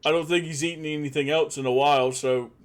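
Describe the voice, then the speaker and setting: A man voicing a dim-witted, nervous male castle guard who stammers and is slow to catch on. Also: fairly high pitch, fairly even intonation, close to an everyday voice. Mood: flustered. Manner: hesitant, stammering, slow on the uptake.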